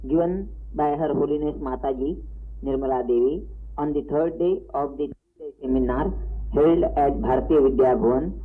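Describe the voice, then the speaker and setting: A man's voice: on the high side, normal speed, husky. A man formally announcing a lecture, heard on an old tape recording. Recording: tinny, muffled old tape.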